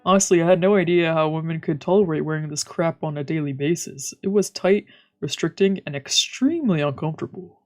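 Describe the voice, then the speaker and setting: Music runs in the background as this let's player reads out visual novel narration, tossing in casual side comments. Medium pitch, a slightly quick pace and few pauses mark the delivery.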